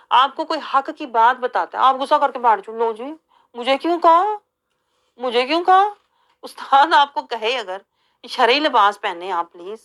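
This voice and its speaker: A woman's voice: fairly high pitch, a bit bright. A woman giving an earnest religious lesson, with a Pakistani Urdu accent, acting out the people she quotes. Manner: earnest, acts out quoted complaints. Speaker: religious teacher.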